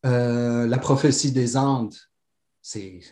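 A man's voice: medium pitch, slow. A middle-aged man with a mixed French, pied-noir and Moroccan accent with a Quebec tinge, telling his life story in a rambling way full of restarts. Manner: rambling, many restarts and fillers, warm and animated. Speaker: guest. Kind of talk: conversational storytelling. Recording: roomy echo.

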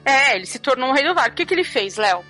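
A Brazilian woman hosts a casual chat with a high, bright voice. She talks animatedly and swears freely. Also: rapid-fire, faint music behind. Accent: Brazilian Portuguese. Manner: animated, profane storytelling. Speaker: podcast host.

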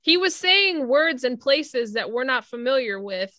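A woman's voice: high voice, measured pace, no echo, studio quality. A woman co-hosting a podcast, chatting casually and opinionated, filling her talk with "like". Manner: animated, opinionated, lots of "like". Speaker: podcast co-host. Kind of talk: casual chat.

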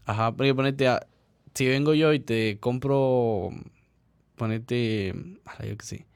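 A man's voice: mid-range voice, unhurried, clean tone, no room sound. Young man, casual podcast chat, slangy and laid-back, dry close sound. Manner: relaxed, slangy, explains with examples. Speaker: podcast co-host.

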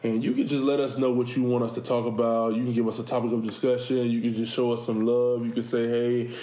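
He talks fast in a medium-pitched, mellow voice that stays level. As a school coach co-hosting a casual podcast, he animatedly tells stories, laughs often, and repeats words, all captured in an echoey space.

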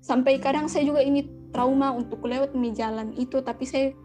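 A woman's voice: sits high, steady tone, a little fast. A young woman tells a personal faith testimony in a conversational way. She repeats words for emphasis and scatters local particles through her sentences. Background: soft guitar music.

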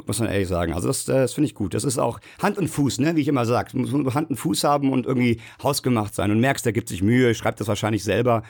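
A man's voice: mid-range voice, quick pace, creaky, few pauses, a little mellow. A man co-hosting a podcast in casual, slangy chat, rambling a little with fillers. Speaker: podcast co-host.

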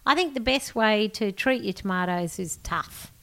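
A woman's voice: medium pitch, expressive, normal speed, bright, forceful tone. A middle-aged woman, chatting casually as a gardening expert in a blunt, jokey, colloquial way. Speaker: gardening expert answering listener questions. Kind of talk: casual chat.

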